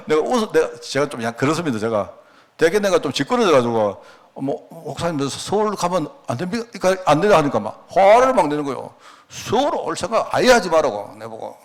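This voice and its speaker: A middle-aged man, preaching a conversational sermon as a pastor, telling folksy stories with self-mocking humor and asking the congregation rhetorical questions. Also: on the high side. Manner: frequent rhetorical asides to the congregation.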